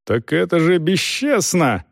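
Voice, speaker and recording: A man voicing a frantic, outraged mercenary captain who shouts in a high, indignant voice. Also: sing-song, measured pace, vocal fry, no room sound, studio quality, exaggerated voice. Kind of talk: audiobook character voice.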